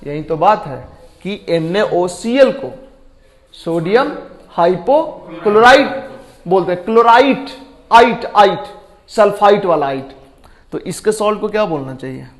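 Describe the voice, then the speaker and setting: A male chemistry teacher with a high voice, speaking at an unhurried pace. He works through each point step by step, throws questions at his students and thinks aloud while recalling names. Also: animated. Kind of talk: classroom lecture.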